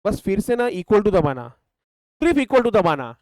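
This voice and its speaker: In an unhurried, sing-song manner, a young Indian-accented man with a high-sitting, darkish voice teaches math in a mix of Hindi and English. He asks the class questions and supplies the answers himself, counting terms aloud as he talks through calculator steps. There's no room sound.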